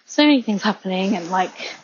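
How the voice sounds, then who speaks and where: A woman in her twenties vlogs while walking home outdoors from a station, rambling breathlessly and saying "like" constantly. Her mid-range voice is expressive and fairly quick. The recording is muffled, with slight background noise.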